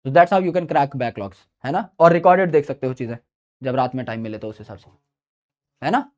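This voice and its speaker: A man's voice: mid-range voice, lively intonation, moderate pace. Male coaching teacher, casual mentoring delivery, keeps checking in with students; mid-range voice, a bit muffled. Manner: chatty, brotherly, checks in with "right?".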